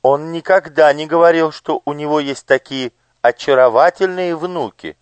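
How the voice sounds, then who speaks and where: A man's voice: on the high side, fairly even intonation, moderate pace, clean tone, no room sound, voice pushed up, lightly acted. Storybook noble lady, sweet and coaxing with a cruel streak, man reads her in a raised voice. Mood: coaxing, gracious. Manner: singsong, coaxing.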